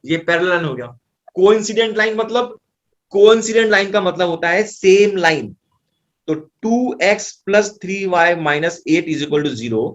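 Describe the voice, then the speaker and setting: A man with an Indian accent tutoring maths, his voice pitched a little high. He works through each step out loud as he writes. He keeps reassuring the student that it is all simple. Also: lo-fi sound. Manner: breezy, reassuring, thinks aloud while writing. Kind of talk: explaining maths problems.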